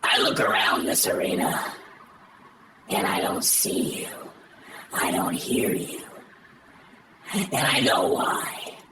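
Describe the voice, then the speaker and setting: A man voicing a menacing male wrestler who cuts a threatening promo in a breathy, hissed delivery. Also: deep voice, animated, slow, long pauses, bright, forceful tone, far from the mic, full character voice.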